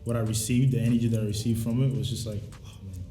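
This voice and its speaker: In a roomy-sounding space with faint music behind, a young South Sudanese man who grew up in Australia talks about his music in an interview. He speaks fast in a warm, steady, medium-pitched voice, casual and reflective, using relaxed slang.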